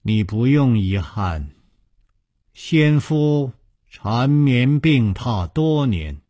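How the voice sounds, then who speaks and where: A man voicing a cold, guarded middle-aged widow in a wuxia story, speaking low, flat and measured. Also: no echo, full character voice.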